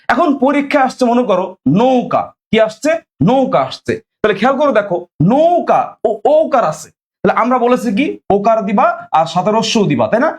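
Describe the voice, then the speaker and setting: A young man with a high voice teaches an online exam-prep class. He drills students with repeated questions and asks viewers to leave comments.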